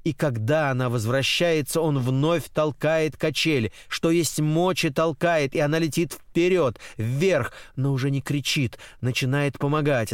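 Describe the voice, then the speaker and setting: A man narrating a literary novel as an audiobook in a steady, rhythmic, repetitive cadence. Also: fairly high pitch, smooth, no echo, clean studio sound. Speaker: audiobook reader.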